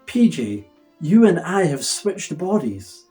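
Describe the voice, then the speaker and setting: Guy doing a panicky little storybook critter, hammy and pleading, higher than his normal voice, really swoopy. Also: sing-song, slow, a little mellow, soft background music. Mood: dramatic disbelief. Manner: hammy, theatrical, alarmed and pleading. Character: flustered young penguin trapped in fuzzy pet body.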